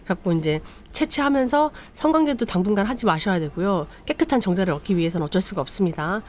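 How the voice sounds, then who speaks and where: A woman's voice: mid-range voice, lively intonation, quick pace, a little mellow, slight background noise. Chatty woman retelling a story. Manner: chatty, loose retelling with many fillers. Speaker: podcast host. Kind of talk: casual late-night storytelling.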